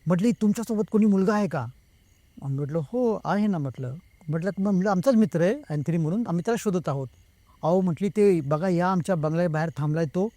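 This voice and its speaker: Male guest storyteller, slightly high voice, mellow timbre, close dry recording. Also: fast, dry recording. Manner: retells the talk of others himself, slipping between Marathi and Hindi. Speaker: guest telling a true ghost story. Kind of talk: casual storytelling.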